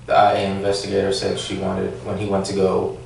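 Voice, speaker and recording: A former police officer answers questions at a formal hearing in a low, monotone voice with vocal fry, speaking briskly. He hesitates, with many fillers and restarts. The room is echoey, the mic distant, and there's faint noise.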